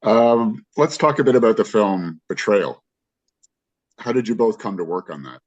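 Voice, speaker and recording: Deep-voiced interviewer, dull lo-fi sound. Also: male voice, lively intonation, moderate pace. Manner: brief, polite questions. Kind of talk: interview questions. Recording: dull lo-fi audio.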